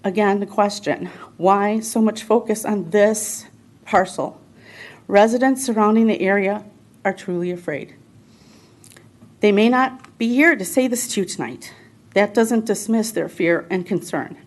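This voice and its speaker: A woman's voice: mid-range voice, unhurried. A woman giving public comment at a city council meeting, reading a prepared statement in an earnest, pleading way.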